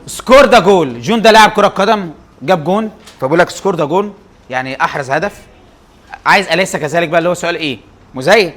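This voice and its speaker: A young man with an Egyptian Arabic accent, teaching an English grammar class. He keeps firing quick questions at his students and answering them himself. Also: a little high, fairly bright tone.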